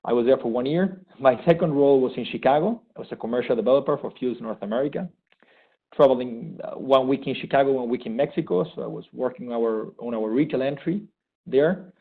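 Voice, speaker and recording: A man from Argentina, a graduate program participant, gives an unscripted testimonial in a medium-pitched voice with a breathy edge. He sounds enthusiastic but halting, restarting often, and the recording has a thin, phone-like sound.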